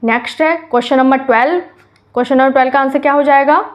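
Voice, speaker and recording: A woman's voice: sits high, steady tone, fast talker. A woman teaching English grammar, explaining exercise answers step by step, often asking a question and then answering it herself.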